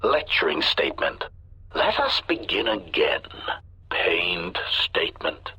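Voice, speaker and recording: A man's voice: low voice, sing-song, slow pace, husky, whispered, exaggerated voice, poor audio. A man voicing a cold, sardonic male assassin droid through a metallic robotic voice filter, clipped and announcing each remark with a label. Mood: mocking. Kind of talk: video game character dialogue. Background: loud game music.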